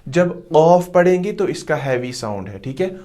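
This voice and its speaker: A man teaching Quran letter pronunciation who drills each sound slowly and loudly, then explains it more softly. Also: a little high, lively intonation. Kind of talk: slow tajweed lesson with drilled recitation.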